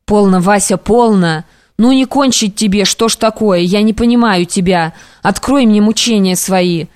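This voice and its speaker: A woman's voice: mid-range voice, moderate pace, darkish tone, no room sound, studio quality, natural voice. A woman voicing a devoted young male friend who speaks urgently and beseechingly, in an audiobook. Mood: worried.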